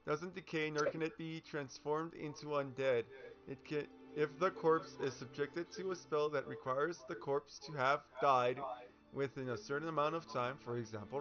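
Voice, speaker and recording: A man playing a tabletop game, thinking aloud as he schemes and reads out rules. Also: medium pitch. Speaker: player. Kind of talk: casual tabletop chat. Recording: dull lo-fi voice chat with faint music.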